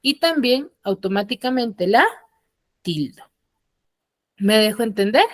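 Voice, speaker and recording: A woman's voice: fairly high pitch, expressive, measured pace, no echo. Patient woman teacher, dry close sound. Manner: patient, asks frequent check questions. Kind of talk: online class explanation. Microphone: computer mic on a video call.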